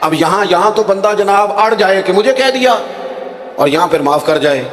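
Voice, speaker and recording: Preacher in an echoey hall. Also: male voice, high voice. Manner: storytelling with dramatic acted quotes. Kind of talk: sermon. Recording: echoey hall with long reverb.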